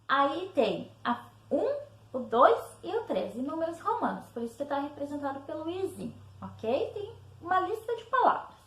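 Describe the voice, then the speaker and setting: Lively high-voiced Brazilian woman teacher. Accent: Brazilian Portuguese. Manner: explains patiently, checking in with "tá?". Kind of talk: recorded spelling lesson walkthrough. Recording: echoey room.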